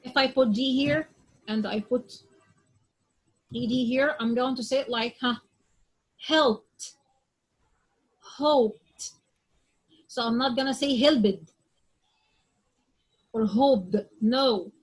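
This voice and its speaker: A woman's voice: sits high, fairly even intonation, takes it slowly, long pauses, husky, poor audio. A woman teaching English pronunciation in class, drilling example words one by one and often checking with "okay?". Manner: drills word sounds aloud one at a time.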